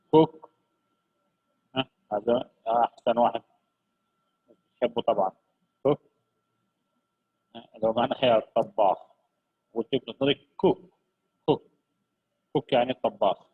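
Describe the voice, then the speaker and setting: A man teaching children English vocabulary, lively and coaxing, repeating each word slowly for his pupils. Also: lowish voice, breathy edge, narrow, tinny audio.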